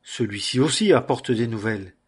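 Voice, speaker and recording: A sorrowful old king speaks in a husky, breathy voice, as a male reader gives him lines. His delivery is solemn and mournful, a scripture reading aloud. The tone sits at an ordinary male pitch. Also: expressive, normal speed. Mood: regal. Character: grieving aged male king.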